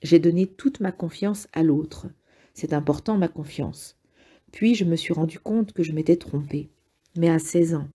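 A woman reading a memoir aloud in the first person, calm and measured. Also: sits low, husky. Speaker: reader.

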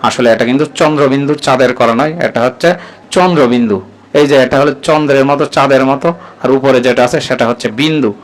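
A man's voice: mid-range voice, low-quality recording. A man with a Bangladeshi Bengali accent, patiently teaching the alphabet to parents letter by letter. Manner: patient, methodical, naming letters one by one. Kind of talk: explaining lesson to parents.

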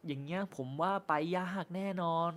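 A man hosting a film review channel, chatting casually with viewers on a live stream. He jokes, swears freely, and says he stumbles and stutters when he talks fast. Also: a little high. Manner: loose and joking, with frequent swearing.

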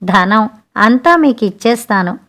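A kind, honest trader from a fable, speaking gently and patiently, as a woman reading aloud voices him. His tone stays calm and fairly high. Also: unhurried. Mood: gentle. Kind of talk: storybook narration.

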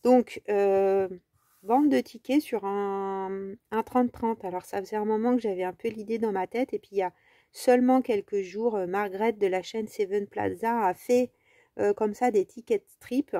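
A woman's voice: mid-range voice, fairly even intonation, moderate pace, mellow, no echo, studio quality. A French woman hosting a casual crafting tutorial, talking in a chatty, rambling way with many fillers.

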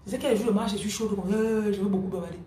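A woman spiritual coach preaches in a live stream, hammering home key phrases and greeting viewers by name. Her voice is mellow and dark, and it carries a roomy echo with a faint hiss underneath. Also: mid-range voice, steady tone, rapid-fire. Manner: emphatic, repeats key phrases; answers viewer comments by name.

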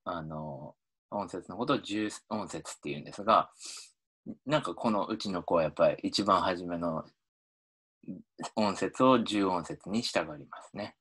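A man lecturing on linguistics over slides, talking in an animated way with many hesitations, fillers and restarts. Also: normal speed, husky. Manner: animated, pitch swinging up and down. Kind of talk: explaining phonology over slides.

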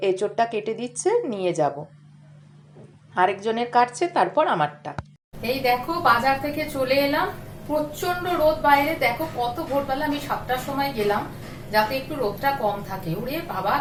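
A middle-aged woman with a hoarse, coughing voice, chatting straight to her viewers in a casual daily vlog. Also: on the high side, slight background noise. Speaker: vlogger.

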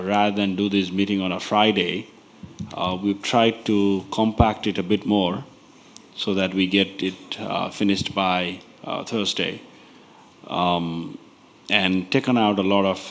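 A man chairing a conference members meeting from a panel table, speaking in an unhurried, informal way. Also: low voice.

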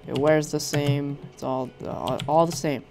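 A young Minecraft YouTuber with a sore throat casually shows off a resource pack, rambling with plenty of ums, hesitations and restarts. His voice is on the high side with a steady tone and an unhurried pace, heard over music.

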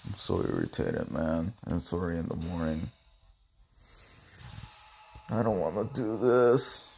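A young man muttering frustrated commentary while pulling in a mobile game, grumbling with sudden yelled outbursts. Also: sits low, very animated, a little slow, vocal fry, a little hiss or hum. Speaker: gamer. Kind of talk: casual gacha pull commentary.

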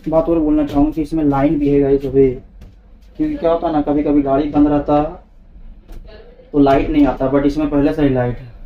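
A young man with a fairly high voice narrates his own train journey, chatting casually to his viewers. He holds an action camera close as he moves through the coach and along the platforms. Clear train and station noise sits under his voice the whole time. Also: mellow, highs cut off. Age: young adult. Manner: chatty, addresses viewers as guys. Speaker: travel vlogger. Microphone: action camera held close. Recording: noisy handheld train recording.

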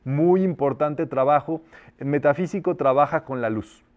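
A man teaching a metaphysics class, urging listeners on in a colloquial way and slowly intoning spoken decrees. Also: fairly high pitch, narrow, tinny audio. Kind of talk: spiritual class leading group decrees.

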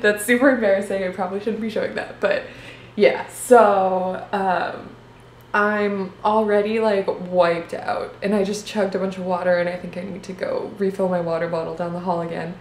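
A woman's voice: mid-range voice, little pitch movement, moderate pace. A young woman in her twenties chatting casually to a handheld camera in a small hotel room, rambling with lots of fillers and little laughs. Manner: rambling, filler-heavy, giggly. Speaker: vlogger. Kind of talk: casual vlog chat. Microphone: handheld camera close up. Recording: roomy hotel room sound, faint hiss.

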